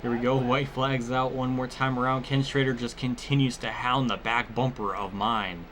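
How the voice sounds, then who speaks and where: A man who hosts gaming videos chats casually over a racing game, his medium-pitched voice steady, fairly bright, and moderately paced. He rambles and interrupts himself with exclamations, and there's a faint hiss or hum.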